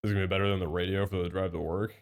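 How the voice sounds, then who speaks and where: Talking very fast in a low voice, a young man streams live with a head cold that makes him sound a bit nasal. He's excitable and talkative, reading chat aloud and thanking his subscribers.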